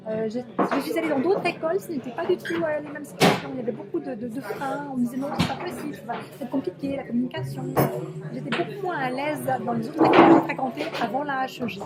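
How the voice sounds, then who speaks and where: A woman sign language interpreter voicing an interview in the first person, halting and searching for words, in a café. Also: high voice, heavy background noise. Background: loud music.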